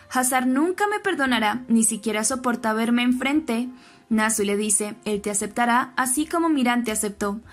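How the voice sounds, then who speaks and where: A woman narrating a recap of a soap episode, reading the characters' lines in her own voice. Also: on the high side. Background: faint background music.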